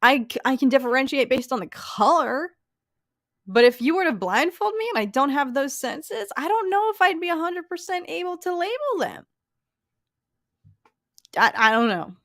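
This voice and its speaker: A young woman from Philadelphia, USA, with a light Philly accent giggles and chats casually while reading comments on a live stream, full of "like" and restarts. Her voice sits high with big pitch swings, at normal speed and slightly bright. The recording is dry and studio quality.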